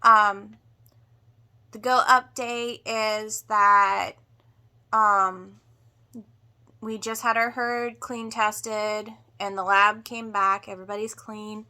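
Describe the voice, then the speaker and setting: A woman giving a casual homestead update to viewers in a halting way, sounding drained and emotional after surgery. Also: mid-range voice, flat delivery, bright, forceful tone. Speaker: homestead vlogger.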